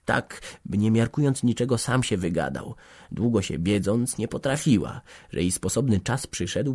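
A man narrating a classic novel as an audiobook, measured and expressive. His voice sits fairly low. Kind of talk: reading a classic novel aloud.

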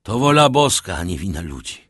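A man voicing a gentle, sorrowful older shipowner who has lost everything. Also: low-pitched, sing-song, brisk, no echo, clean studio sound, full character voice. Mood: moved. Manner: soft, warm, sorrowful.

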